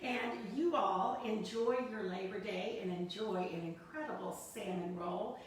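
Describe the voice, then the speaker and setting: A woman's voice: mid-range voice, measured pace, far from the mic, a little hiss or hum. A woman hosting a kids cooking class as a dietitian, upbeat and encouraging, asking leading questions. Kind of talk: friendly cooking class chat. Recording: echoey room, voice from off-mic.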